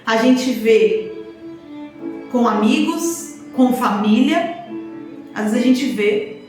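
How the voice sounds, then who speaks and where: A woman's voice: on the high side, lively intonation, slow pace, darkish tone. A woman preacher, delivering a sermon in an emphatic, repetitive way and speaking straight to her listeners. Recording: very echoey room with faint instrumental music.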